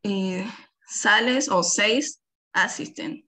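A woman's voice: medium pitch, pushed and bright, low-quality recording. A woman student with an Argentine accent reading English sentences word by word in an online class. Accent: Argentine Spanish. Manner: halting, tries English phrases word by word. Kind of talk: classroom practice, reading answers.

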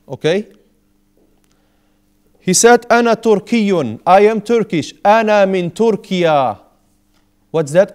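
A man in his thirties teaches an Arabic language class, patiently repeating and explaining each word. His high voice is a little mellow with a clean tone, and the setting is a small indoor classroom with a whiteboard.

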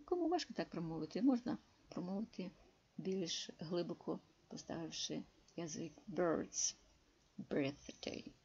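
A woman teaching English, slowly and carefully translating and explaining words one by one. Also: on the low side, sing-song, darkish tone, breathy edge. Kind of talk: slow bilingual lesson, translating words. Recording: dull lo-fi recording.

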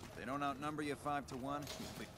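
A man playing a smug, self-important mercenary bodyguard in a video game, talking briskly and confidently. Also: mid-range voice, fairly bright tone, a little hiss or hum, close to an everyday voice. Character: smug, cocky male mercenary bodyguard, shady con artist. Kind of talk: video game character dialogue.

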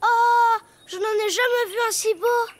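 A woman's voice: fairly even intonation, noisy background. An actress voicing Trotro, a playful, cheeky little male donkey in a children's cartoon, talking in a sing-song way. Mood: delighted. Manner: high, sing-song child voice, slow and clear. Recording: music playing behind.

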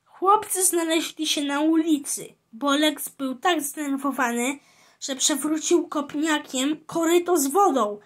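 Slow woman reading a kids' book. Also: sits high. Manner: halting reading with slips and restarts. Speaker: reader. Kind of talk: reading a children's audiobook aloud.

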